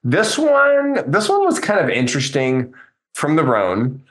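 A man in his forties co-hosting a podcast over a video call, briskly reading out auction results and laughing easily. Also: fairly high pitch, wildly swooping pitch, fairly bright tone, low-quality recording. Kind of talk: casual chat.

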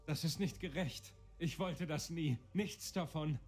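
A man acting a higher-voiced aggrieved fallen nobleman. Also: unhurried, faint music behind, close to an everyday voice. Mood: pleading. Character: aggrieved fallen nobleman mayor, self-pitying, entitled. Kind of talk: video game character acting.

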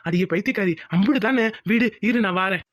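A woman voicing a young village man in a cartoon, a hungry, doting son and caring husband who talks fast, pleading and teasing. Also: mid-range voice, no room sound, studio quality, close to an everyday voice. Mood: concerned husband. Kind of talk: Tamil cartoon voice acting.

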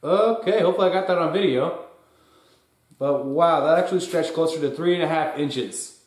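A young man with a fairly high voice at normal speed runs through tests in his garage, plainly narrating his thoughts as he works. The camera sits across the room, far from him. The room sounds echoey.

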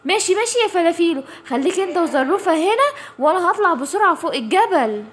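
An eager young male lion cub hurries his friends along in a children's storybook as a woman voices him. He speaks in a very high, fast voice with an Egyptian accent, full of urgency and excitement. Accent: Egyptian Arabic.

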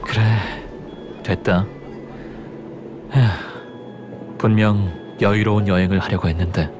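An actor playing a calm, aloof young male space traveler with a cool, deadpan delivery in a game story. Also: fairly low pitch, a little slow, lightly acted. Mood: deadpan, weary. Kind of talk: scripted game story dialogue. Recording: music behind the voice.

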